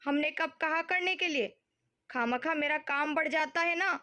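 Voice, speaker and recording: Woman voicing a middle-aged wife, irritated, complaining, high voice, storybook reading. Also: unhurried, pushed and bright. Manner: complaining, exasperated.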